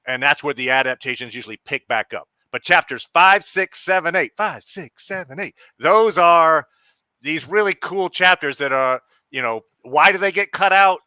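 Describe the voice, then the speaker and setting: A man's voice: a little high, expressive, moderate pace, bright, forceful tone, clear, resonant tone, no room sound. A man co-hosting a casual book discussion podcast, talking in a rambling, easygoing way. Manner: conversational, rambling, easygoing asides. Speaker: podcast co-host.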